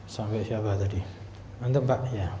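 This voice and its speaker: A man teaching Arabic grammar at a mosque study class, explaining step by step and clearing his throat often. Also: mid-range voice, a little mellow, a little hiss or hum. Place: mosque hall. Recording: roomy, echoey hall, dull lo-fi sound.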